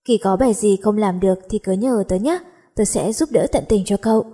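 A charming, easygoing teenage boy, read by a woman narrator. The voice is mellow and a little husky. He jokes with his friend. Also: mid-range voice, fairly quick, natural voice.

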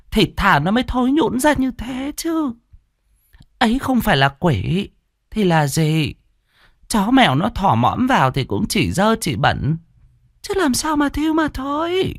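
A man's voice: sits high, sing-song, no echo, clean studio sound, voice pushed up, exaggerated voice. A man voicing an ominous old grandmother. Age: older. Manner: slow, knowing, ominous talk.

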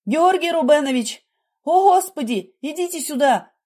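A woman's voice: high-pitched, lively intonation, normal speed, a little mellow, voice pushed up. A woman reading an audiobook, voicing a frightened young nurse who cries out shrilly and sobs. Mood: alarmed.

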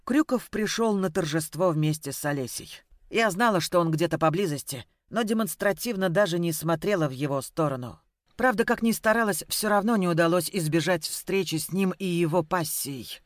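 A woman narrating a first-person audiobook in an even, measured storytelling voice. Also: fairly low pitch, dry recording, studio quality.

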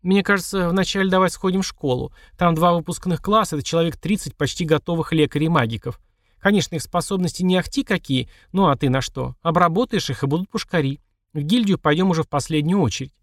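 A man's voice: fairly high pitch, quick pace, no room sound, pitched above the performer's own voice, natural voice. A man voicing a hot-tempered, bossy woman mage in an audiobook, with a dry, close sound. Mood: brisk. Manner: bossy, sharp.

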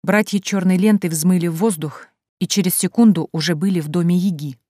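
A woman narrating an audiobook in steady scripted storytelling. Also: on the low side, a little fast, no echo, clean studio sound.

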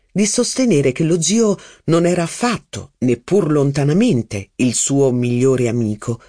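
Narrator for a literary audiobook: animated, varied intonation, dry close studio sound. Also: medium pitch, no room sound. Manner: expressive, measured reading with lively phrasing.

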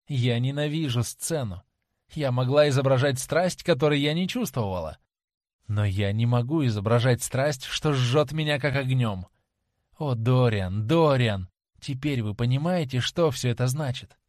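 A man reading as a lovesick young actress, pleading softly. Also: medium pitch, no echo, clean studio sound, lightly acted. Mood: rapturous, dreamy. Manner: tender, dreamy and imploring, slowing on heartfelt phrases. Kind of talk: audiobook character reading.

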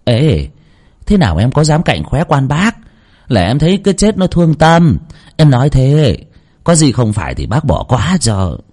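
A man's voice: mid-range voice, wildly swooping pitch, moderate pace, a little mellow, breathy edge, voice pushed up. A man voicing a deferential young village man in a horror audiobook, speaking in a placating, apologetic way.

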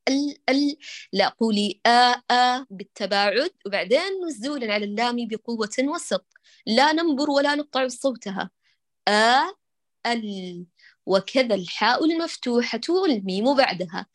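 A fairly high-voiced woman coaching a student in Quran recitation, calm and exacting. She breaks words into drawn-out single sounds to model each letter. Her voice comes across close and dry, with no room sound. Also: no echo. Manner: patient, corrective, models sounds slowly and precisely.

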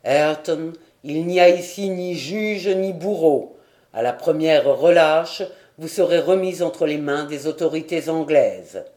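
A woman reading the part of a grave male lord in an audiobook, measured and nearly pleading. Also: deep voice, lively intonation, dark tone, voice pushed down.

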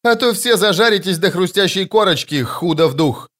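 A man voicing a gruff female corporal who barks and scolds her squad. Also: a little high, animated, moderate pace, voice pushed up, lightly acted. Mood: scolding. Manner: barking, scolding.

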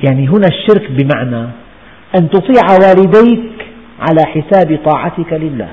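An older man, preaching a slow, measured, emphatic Quran lesson in a lo-fi recording with long hall reverb. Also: fairly high pitch, lively intonation. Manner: slow, measured, emphatic delivery with dialect asides.

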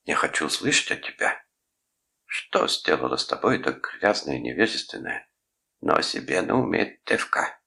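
Man reading as self-righteous uncle, preachy, very deep gravelly voice, bright edge; audiobook. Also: expressive, heavily acted. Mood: indignant. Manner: preachy, lecturing, drawn-out phrases. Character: pompous sanctimonious middle-aged uncle, menacing.

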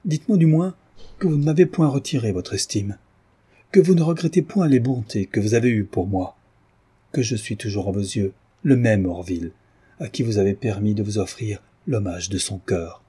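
A man's voice: fairly low pitch, moderate pace, dark tone, slightly rough. A man voicing an earnest young nobleman in love, pleading, in an audiobook reading.

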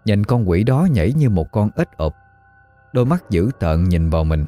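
Deep-voiced man telling a ghost story. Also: big pitch swings, normal speed, mellow, soft background music. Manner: dramatic, suspenseful telling.

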